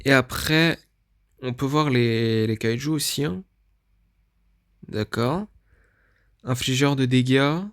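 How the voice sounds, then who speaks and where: A man's voice: medium pitch, slow, long pauses, a bit bright, clear, resonant tone. A man giving casual let's-play commentary, thinking aloud as he reads through menus and often admits he is unsure what things mean. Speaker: gaming video creator.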